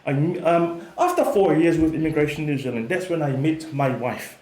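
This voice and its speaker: A man in his thirties chats easily as a podcast guest, full of fillers. His voice sits a little high, and the room rings with echo. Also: normal speed. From Samoa. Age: 30s. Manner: relaxed, chatty, many fillers. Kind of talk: casual podcast chat. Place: studio room. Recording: echoey room.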